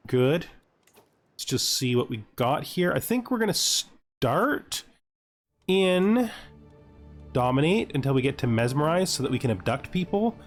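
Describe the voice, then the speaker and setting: Playing through a video game, a male gaming host narrates casually, his rather high voice very animated but measured in pace, with long pauses. He thinks aloud and reads on-screen text while music runs underneath.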